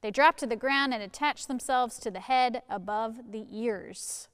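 High-voiced woman reading a children's story. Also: smooth, long reverb tail. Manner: slow, expressive storytelling. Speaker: children's sermon leader. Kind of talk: reading a picture book aloud to children. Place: church sanctuary.

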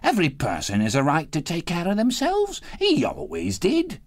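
A man puts on a brazen old charwoman in a storybook reading, her voice jumping high and swooping all over. She is bold and defiant, shrill and coarse. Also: wildly swooping pitch, normal speed.

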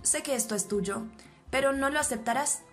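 A woman reading the lines of a cold, threatening male police officer in a flat voice. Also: sits high, normal speed, soft background music, pitched above the performer's own voice, close to an everyday voice.

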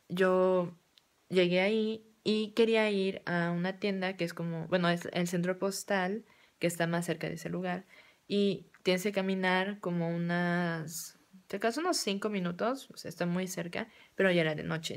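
Chatty young Mexican woman, lowish voice. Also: fairly even intonation, moderate pace, creaky. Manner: chatty, many fillers like "o sea". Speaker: vlogger. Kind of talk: casual storytelling.

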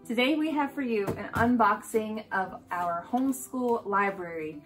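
A homeschooling mother in her thirties with an American accent hosts a home unboxing vlog from a small furnished room indoors. Her mid-range voice is a little slow and casual, with faint music behind her.

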